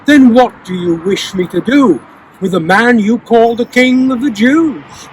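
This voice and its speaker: A man's voice: extremely high pitch, measured pace. A man playing a commanding priest and governor in a dramatic scripture reading, declaiming like a stage actor. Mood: questioning, challenging. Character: accusing high priest and governor, commanding male interrogator. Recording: long reverberant hall, faint background noise.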